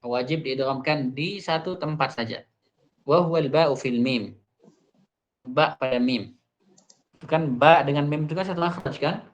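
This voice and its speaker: A man teaching the rules of Quran recitation, reading Arabic lines and explaining them, slowly drawing out example words. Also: fairly high pitch. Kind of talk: tajwid lesson explaining a classical text.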